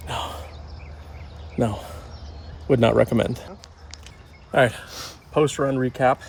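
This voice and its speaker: A man's voice: mid-range voice, extremely slow, creaky, pauses often, a little hiss or hum. A young man vlogging on a run outdoors, out of breath, joking loosely with lots of fillers. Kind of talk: casual vlog chat.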